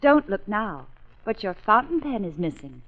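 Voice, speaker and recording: Wry secretary, thin vintage sound. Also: female voice, mid-range voice, big pitch swings, moderate pace, soft background music. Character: dry, sensible, teasing female secretary. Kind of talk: 1940s radio acting. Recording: thin, phone-like vintage radio recording.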